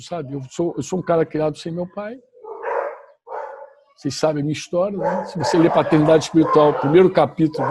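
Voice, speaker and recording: A middle-aged Brazilian man with a high, husky voice gives a personal testimony as a pastor. His tone is warm and mellow, and the recording is dry and close. He is emphatic and repeats phrases as he works his way through the story. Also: dry recording. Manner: emphatic, repetitive storytelling with self-corrections. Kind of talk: personal testimony to a church audience.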